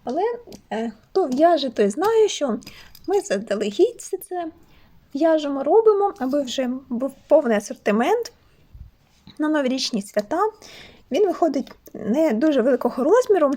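Cheerful high-voiced ukrainian woman chatting about her crochet toys, soft mellow tone. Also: very animated, moderate pace, long pauses. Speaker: crochet toy maker vlogger. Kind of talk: casual show-and-tell chat.

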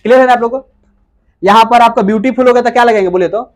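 A man teaching English grammar in a classroom-style lecture, who keeps asking questions and answering them himself and repeats key words slowly. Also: very high-pitched.

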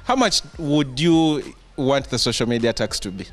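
A man's voice: medium pitch, expressive, moderate pace. A young Ugandan man co-hosting a talk show in a salon studio, joking and laughing with the guest. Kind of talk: casual talk-show chat. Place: hair salon studio set. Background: music.

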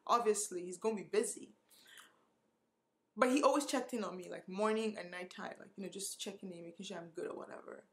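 A woman's voice: medium pitch, a little fast, fairly bright tone. A woman in her twenties from Nigeria telling a candid storytime vlog about dating, emotional and close to tears, with lots of fillers and swearing. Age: 20s. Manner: candid, emotional, heavy use of "like" and cursing. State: tearful, close to crying. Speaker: vlogger.

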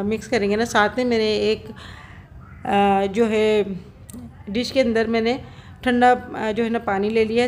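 Cooking at home before heading up to a rooftop, a middle-aged woman narrates her recipe step by step in a chatty, filler-heavy style for her vlog. She speaks at a fairly high pitch, and there's slight background noise.

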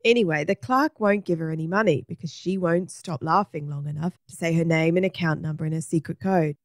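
A woman narrating a children's story in a lively storybook reading. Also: sits low, brisk, no echo, studio quality.

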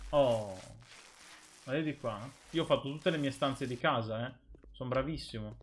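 A man's voice: medium pitch, moderate pace, slight background noise. Man, live game streamer, casual chatty commentary, joking with viewers, mid-range voice.

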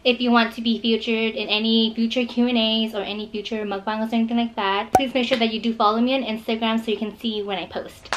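Woman vlogger, casual and upbeat, slightly high voice, some faint background noise. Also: a bit bright. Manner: upbeat, chatty, playful with a child. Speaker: vlogger hosting a mukbang. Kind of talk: casual chat to camera.

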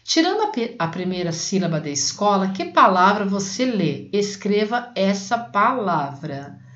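A woman teaching a reading lesson to young children, patient, repeating words slowly and breaking them into syllables. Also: mid-range voice, sing-song, fairly bright tone. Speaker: primary school teacher. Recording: echoey room, dull lo-fi sound.

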